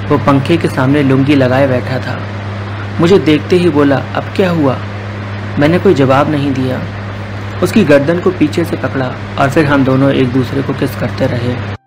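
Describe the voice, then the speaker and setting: A man's voice: on the high side, noisy background. Young man narrating a story. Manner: storytelling with quoted dialogue. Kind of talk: first-person story narration.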